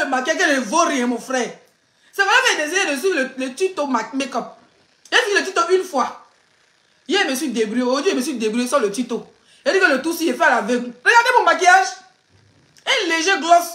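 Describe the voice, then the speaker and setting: Woman, high voice, laughing, teasing, echoey room. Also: lively intonation, quick pace, a bit bright. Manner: chatty, laughing, teasing and ranting. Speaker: blogger and influencer. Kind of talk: casual live stream chat. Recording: roomy echo.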